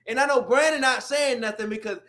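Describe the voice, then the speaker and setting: A man rants his way through a casual sports talk show. He swings from loud outbursts down to low mutters, talking like a fired-up fan. He is from Florida and co-hosts the show. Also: fairly quick. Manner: animated, rants and shouts, drops to low mutters. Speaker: sports podcast co-host.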